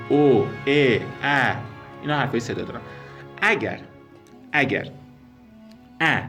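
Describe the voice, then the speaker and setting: A man teaching a spoken language lesson, explaining slowly and repeating sounds and example words. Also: medium pitch, fairly bright tone. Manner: slow, careful explanations, repeating and spelling out sounds.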